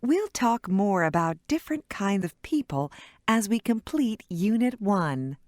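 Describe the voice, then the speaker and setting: A clear, deliberate class teacher. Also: female voice, medium pitch, very animated, a little mellow, no echo, clean studio sound. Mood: warm. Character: friendly female English teacher addressing class. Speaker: teacher in textbook audio. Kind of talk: scripted classroom narration.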